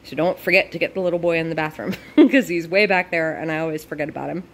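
Gushing low-voiced woman gaming host. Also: fast talker. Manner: bubbly, gushing, heavy use of "like". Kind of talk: casual gameplay commentary.

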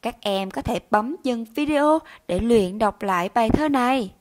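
A woman teacher giving a recorded reading lesson to young children, pronouncing each word and syllable slowly and carefully. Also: on the high side, lively intonation. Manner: slow, careful enunciation of words and syllables. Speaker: primary school teacher.

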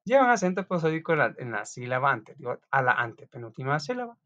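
A man's voice: mid-range voice, sing-song, fast, bright, forceful tone. A man teaching a class, reading out notes in a chatty way with frequent restarts and small asides. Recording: dull lo-fi recording.

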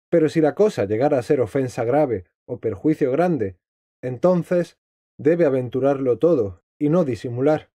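A man voicing a wise counselor who tells a fable to a nobleman, in a calm, formal storybook reading. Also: mid-range voice, no room sound, lightly acted. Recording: dry, slightly dull lo-fi.

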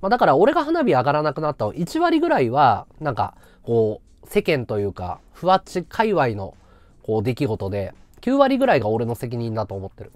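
A man's voice: medium pitch, huge pitch swings, a little fast, dry recording. A man chatting casually on his livestream, rambling and muttering to himself as he works out figures. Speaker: live streamer.

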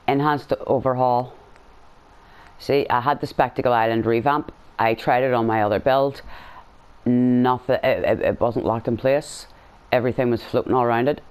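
A man's voice: medium pitch, smooth. A man giving casual game commentary as a video host, rambling, blunt and slangy.

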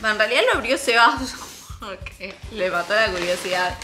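A young woman with an Argentine Spanish accent, telling a story to her viewers in a casual, slangy and animated way. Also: mid-range voice, moderate pace, music in the background. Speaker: vlogger.

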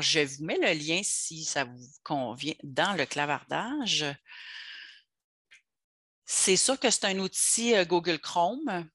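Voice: medium pitch, sharp tone, dry recording, clean studio sound. An adult with a Québécois French accent leads an online workshop, explaining tools step by step in a chatty way over a video call. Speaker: workshop leader for teachers.

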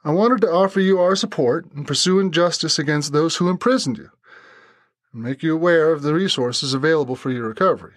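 Brief: man playing a calm young man, soft Texan accent, measured, slightly raised pitch. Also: no room sound, studio quality, close to an everyday voice. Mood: polite.

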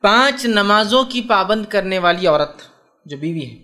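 A man preaching a sermon on hadith, animated and often asking his listeners whether they follow. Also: sits high, a little slow. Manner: animated, asks listeners rhetorical questions. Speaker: Islamic preacher.

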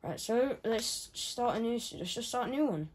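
A woman's voice: on the high side, moderate pace, slight background noise. A woman gaming on video, reading the game's story aloud with joking asides. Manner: animated, jokey asides to the story. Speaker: gaming YouTuber. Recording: game music playing behind. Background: game music.

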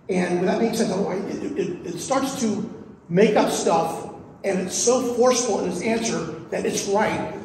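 High-voiced man explaining on a panel. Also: darkish tone, a little hiss or hum. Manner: explanatory, repeats words when searching. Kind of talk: conference panel discussion. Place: conference room. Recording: echoey conference hall.

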